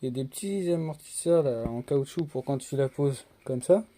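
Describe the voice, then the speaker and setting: A man's voice: medium pitch, moderate pace, dark tone. A young man from France chatting casually through an unboxing vlog, rambling with many fillers and restarts. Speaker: tech unboxing vlogger.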